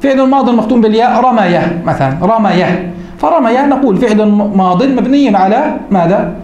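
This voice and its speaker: High-voiced sheikh teaching grammar. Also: male voice, a little mellow, roomy sound. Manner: asks questions and answers them himself; repeats rules slowly for emphasis. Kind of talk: recorded grammar lesson.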